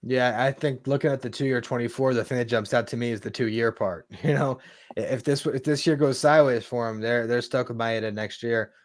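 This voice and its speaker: A man's voice: mid-range voice, steady tone, brisk, no room sound, clean studio sound. A man co-hosting a sports talk show, speaking conversationally with stammering repeats. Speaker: podcast co-host.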